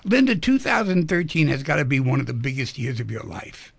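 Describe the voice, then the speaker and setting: A man's voice: medium pitch, sing-song, a little fast, vocal fry, breathy edge, no room sound. A man hosting a radio talk show, chatty and rambling, asking guests lots of questions. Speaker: radio host. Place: radio studio.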